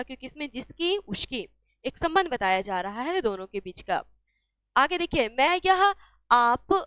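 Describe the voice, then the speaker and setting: A woman's voice: high voice, a bit bright, no echo. A woman teaching a lesson on exam solutions, asking each question and answering it herself.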